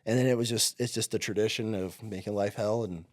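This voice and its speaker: A man in his late thirties, a Marine veteran from upstate New York, shares casual stories during a podcast interview, cussing often and peppering his speech with "dude" and "like." His voice sits lowish, with fairly even intonation and a fairly quick delivery.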